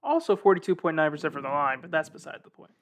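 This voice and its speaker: Chill young guy on a sports podcast, laughs a lot, kinda high voice. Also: fast. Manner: laid-back, laughs often, cites stats. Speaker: podcast co-host. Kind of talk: casual sports chat.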